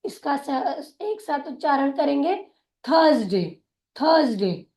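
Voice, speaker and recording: A woman teaching a phonics lesson, spelling words out letter by letter and repeating each word twice, slowly and patiently. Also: sits high, expressive, a little mellow, reverberant. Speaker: English teacher.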